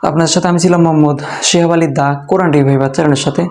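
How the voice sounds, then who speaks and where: Male tutor, somewhat high and mellow, repeats each sound patiently, a faint hum behind him. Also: fairly even intonation, racing. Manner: patient, repetitive drilling of letter sounds; asks and answers his own questions. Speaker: Quran reading teacher. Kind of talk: online class lesson.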